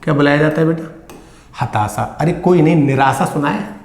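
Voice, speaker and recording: A man's voice: on the high side, normal speed. A male English teacher, giving an exam vocabulary lesson and quizzing his students, calling them "beta" and repeating each word. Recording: echoey room.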